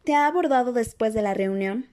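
A woman's voice: a little high, a little fast, a little mellow, lightly acted. A woman voicing a clever, bossy teenage schoolgirl in a dramatized audiobook reading, earnest and patiently explaining. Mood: probing.

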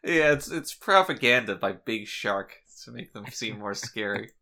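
Bright-sounding dude on a podcast, deadpan jokey, dead serious act. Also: male voice, on the low side, moderate pace. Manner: deadpan joking, mock-serious. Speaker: podcast co-host. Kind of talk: casual chat.

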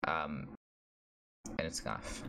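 A man's voice: a bass voice, takes it slowly, gravelly, noisy background. A teenage boy with a slight lisp, co-hosting a podcast in rambling casual chat and swearing freely. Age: teens. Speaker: podcast co-host.

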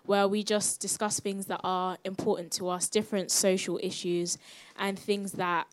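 A woman's voice: medium pitch, level tone, moderate pace. A seventeen-year-old woman with a South London accent, presenting a live podcast panel in a casual way. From South London, England. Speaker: podcast host moderating a panel.

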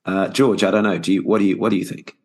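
A man co-hosting a podcast discussion, his voice croaky and froggy from a cold, speaking in a measured, reflective way. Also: sits low, steady tone. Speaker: podcast co-host, teacher.

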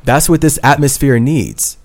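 A man's voice: mid-range voice, unhurried, faint music behind. A man hosting a solo podcast monologue, talking in an earnest, intense way and repeating his phrases. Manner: earnest and intense, swings between heated and tender, repeats phrases. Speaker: podcast host.

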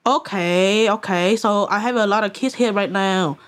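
A woman voicing a fussy, rambling prank caller with a put-on accent, asking halting, repetitive questions. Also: mid-range voice, voice pushed down, close to an everyday voice. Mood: pushy. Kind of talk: prank phone call.

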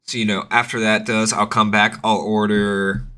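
A man's voice: fairly low pitch, level tone, normal speed, pushed and bright. A young man telling party stories in casual, slangy frat-bro talk full of swearing, speaking into a headset. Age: young adult. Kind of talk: casual chat, storytelling.

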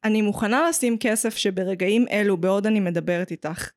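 A woman's voice: mid-range voice, a little mellow, no room sound, clean studio sound. A woman with an Israeli accent co-hosting a casual pop-culture podcast, opinionated and jokey, dropping in English phrases. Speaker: podcast co-host.

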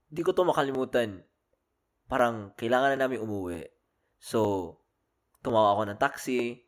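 A man's voice: medium pitch, moderate pace. A man with a Filipino accent, co-hosting a casual podcast chat and telling stories, switching between Tagalog and English and laughing often. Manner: storytelling with Taglish code-switching, laughing often. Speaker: podcast co-host.

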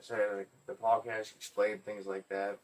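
A man hosting a podcast, telling stories in a casual, profane, animated way. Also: lowish voice, fairly quick, distant mic, noisy background. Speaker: podcast host.

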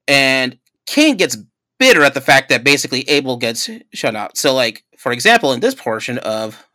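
A man hosting a casual podcast, telling a story in an animated, rambling way with many restarts. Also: mid-range voice, moderate pace, no room sound. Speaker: podcast host.

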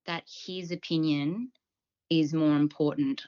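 A woman's voice: sits low, measured pace, dull audio. A woman in her thirties or forties co-hosting a podcast, talking earnestly in a casual chat. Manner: animated, earnest, with ums and restarts. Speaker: podcast co-host, nutritionist.

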